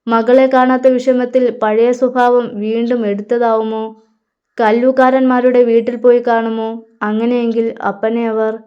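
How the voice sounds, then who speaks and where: An anxious mother, fretting over her family, read by a woman telling the story. The voice is smooth and fairly high. The audio is a little dull. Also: flat delivery, moderate pace, natural voice. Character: worried, anxious mother and wife.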